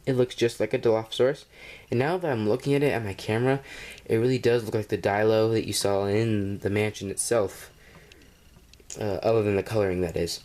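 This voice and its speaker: A man's voice: on the low side, steady tone, a little fast, darkish tone. A man with a cold, reviewing a toy in a casual, rambling way, full of ums and uhs, filmed at home on a camera mic. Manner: rambling and hesitant, with many fillers. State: has a cold.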